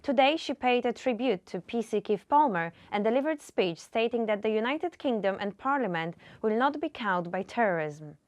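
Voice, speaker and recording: A woman's voice: fairly high pitch, expressive, normal speed, hardly any pauses, dry recording. A young woman reporter reading a scripted news report in a careful, read-aloud manner. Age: young adult.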